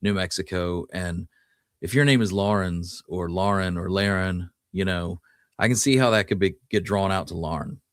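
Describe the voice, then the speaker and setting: A man co-hosts a history podcast, musing casually through the details in a low voice at normal speed. The sound is dry and clean, studio quality.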